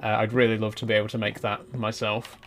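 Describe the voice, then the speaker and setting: A man in his twenties plays a building game live, casually rambling and responding to what viewers type in chat. He speaks fast with a fairly low pitch, and there's a little hiss or hum in the audio.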